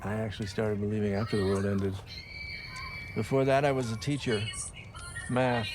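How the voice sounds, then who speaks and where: An actor playing a calm, gently persuasive preacher who leads a hungry group, in a TV drama scene. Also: male voice, fairly low pitch, moderate pace, noisy background, close to an everyday voice. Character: soft-spoken man, a preacher leading a hungry group. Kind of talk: TV drama acting.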